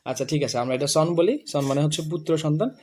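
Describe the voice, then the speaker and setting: A man with a Bengali accent teaching English pronunciation, drilling words slowly and repeating them for a student. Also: fairly high pitch, expressive, dark tone. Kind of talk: classroom lesson.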